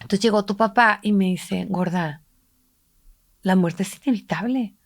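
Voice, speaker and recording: Middle-aged woman co-hosting a podcast, heartfelt storyteller, medium pitch. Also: a little slow. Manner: emotional, reflective, voices quoted people while retelling. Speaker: podcast co-host, mother. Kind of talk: intimate conversational storytelling.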